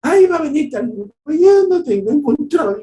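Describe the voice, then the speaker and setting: A man voicing a hysterical young woman fan, in a whiny, squealing falsetto. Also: very animated, normal speed, dark tone, highs cut off.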